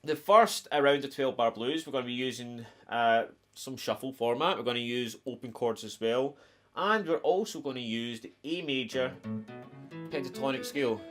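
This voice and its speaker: A middle-aged man with a broad Scottish accent teaches guitar in a casual, explanatory way. His pitch sits in the middle of the male range, and guitar sounds come in behind him. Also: moderate pace, fairly bright tone. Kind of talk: casual instructional talk to camera. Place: small attic home music room, indoors. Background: electric guitar playing.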